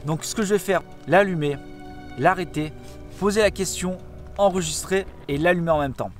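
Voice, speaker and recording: Young vlogger, eager and explanatory, slightly high voice, music under him. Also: male voice, normal speed. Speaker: paranormal investigation vlogger. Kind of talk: casual on-location narration. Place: tent in a forest at night.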